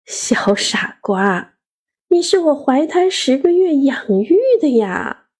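A woman voicing a mother who speaks softly and affectionately. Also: high-pitched, very animated, measured pace, voice pushed up. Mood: tender. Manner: soft and affectionate. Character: gentle teasing mother.

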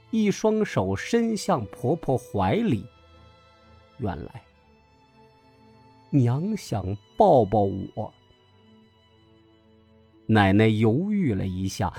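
A man giving a scripted narration of a story in a measured, expressive way. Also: medium pitch, slightly rough. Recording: dry close voice over faint music.

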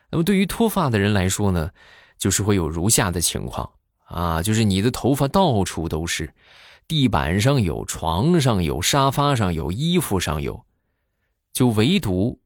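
A man delivers a stand-up comedy monologue in a low voice that swings lively up and down. He tells his stories with jokey asides and rhetorical questions. The sound is dry and close. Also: moderate pace, no room sound.

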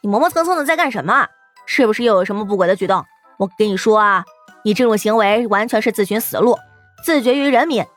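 A man putting on a loud, bossy woman detective. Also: high-pitched, expressive, faint music behind, voice pushed up. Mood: blustering. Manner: shouting threats through a door, rattling fast. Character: blustering self-styled woman detective, loud.

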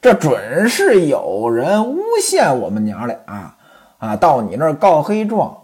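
A woman's voice: low voice, huge pitch swings, measured pace, a little mellow, breathy edge, pitched below the performer's own voice, full character voice. A woman storyteller voicing a coquettish young maid who coyly coaxes and chides her master. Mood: coaxing. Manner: coy, coaxing, reproachful.

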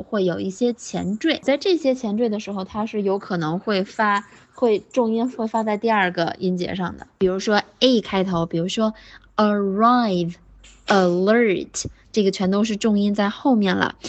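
A woman's voice: medium pitch, muffled recording. Encouraging woman teaching pronunciation. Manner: encouraging, slows down to model English words clearly. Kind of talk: online pronunciation lesson. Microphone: phone or voice-message recording.

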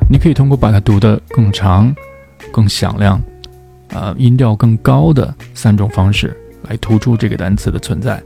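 Gravelly-voiced man teaching English pronunciation. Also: lowish voice, mellow. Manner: patient, explains step by step and demonstrates English words slowly. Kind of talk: explanatory lesson.

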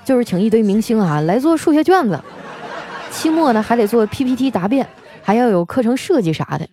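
A woman's voice: on the high side, a little fast, faint music behind. Wry young woman telling comic stories. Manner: wry, deadpan punchlines with playful quoted voices. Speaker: radio host. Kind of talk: comic storytelling monologue.

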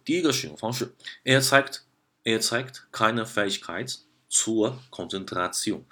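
A man's voice: lowish voice, fairly bright tone. A man teaching German vocabulary in a methodical lesson, repeating and rephrasing each point. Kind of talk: explanatory lesson.

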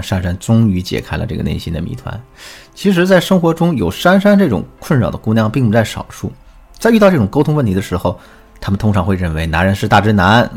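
A man delivers a scripted relationship lesson, weaving in a student's story and turning often to speak to the listener. His voice sits low with a slight husk, and the intonation stays animated throughout. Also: vocal fry, husky. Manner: storytelling, addresses listeners directly. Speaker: relationship coach. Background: faint background music.

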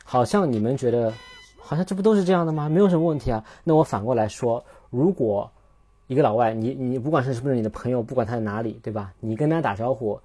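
A man's voice: medium pitch, quick pace, mellow, husky. A man hosting a casual solo podcast, rambling and correcting himself as he looks things up while he talks. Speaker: podcast host.

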